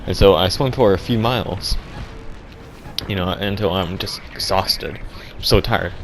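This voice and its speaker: A young man telling an absurd comic story deadpan, rambling and halting with lots of restarts. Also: deep voice, slight background noise. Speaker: vlogger.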